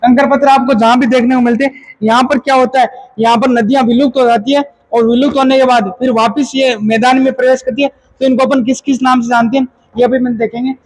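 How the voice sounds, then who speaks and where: A man with a very high-pitched voice gives an exam-prep lecture. He drills key terms by asking them back as questions. He often stops to correct his own slips. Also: little pitch movement, quick pace, darkish tone, poor audio. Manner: casual explaining tone. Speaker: teacher.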